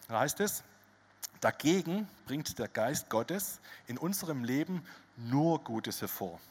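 Pastor preaching in a reverberant hall. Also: male voice, medium pitch. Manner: lively storytelling, casual asides. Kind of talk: sermon.

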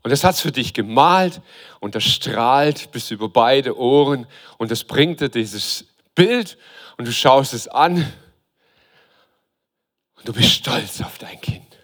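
A man delivers a sermon as a pastor, in a voice of ordinary middle pitch. He leans on rhetorical questions and talks to his congregation directly and informally, dropping low and quiet, then rising to stress a point. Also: animated, slow, long pauses. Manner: preaching with rhetorical questions, shifting between quiet and emphatic.

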